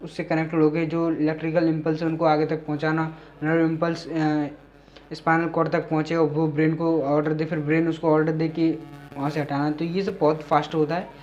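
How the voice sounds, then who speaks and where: A man's voice: fairly high pitch, monotone, a little mellow. Man teaching biology in a dull lo-fi recording. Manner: reads English definitions slowly, then explains in Hindi with frequent hesitations. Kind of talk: classroom lecture explaining biology.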